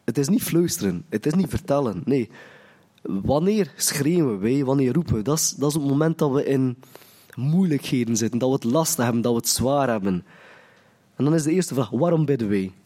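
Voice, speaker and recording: Earnest preacher with a mellow voice. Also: male voice, mid-range voice, animated, a little fast. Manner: earnest, restarts phrases, acts out quoted prayers. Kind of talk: sermon.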